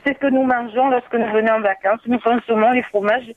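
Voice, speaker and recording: A woman from southwest France with a Bordeaux-area accent, calling in and explaining a recipe in a hesitant way, with many filler pauses. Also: on the high side, steady tone. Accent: Bordeaux-area French. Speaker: caller. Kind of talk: call-in recipe chat. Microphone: telephone. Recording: tinny phone line.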